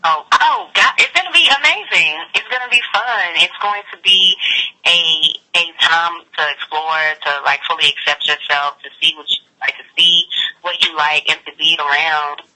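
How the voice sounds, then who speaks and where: A woman's voice: on the low side, normal speed, pushed and bright, rough recording. A woman speaking over the phone as a sex educator guest, chatty and full of "like" fillers. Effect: heard over the phone. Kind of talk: phone interview.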